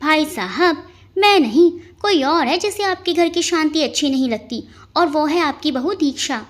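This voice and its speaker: A woman's voice: high-pitched, lively intonation, normal speed. A woman voicing a scheming, gossiping middle-aged neighbor who taunts and mocks in a storybook reading. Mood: taunting. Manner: taunting, mocking.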